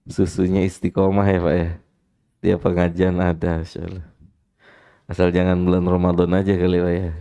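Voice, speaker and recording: A man's voice: low-pitched, monotone, moderate pace, warm tone, clear, resonant tone. A man giving a mosque study-circle sermon, chatty and keeps asking his listeners questions. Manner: conversational, keeps asking the men in the room. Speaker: preacher. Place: mosque hall.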